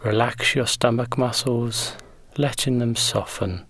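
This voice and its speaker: A man leading a guided progressive muscle relaxation in slow, gentle, soothing instructions. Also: medium pitch, steady tone, slightly rough, no room sound.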